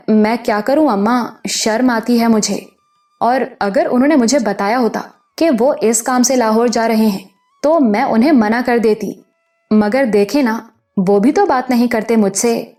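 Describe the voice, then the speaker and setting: Female narrator doing bashful young woman, hesitant and stammering, higher mellow voice. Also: close to an everyday voice. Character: shy, innocent young woman. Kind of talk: audiobook character voice.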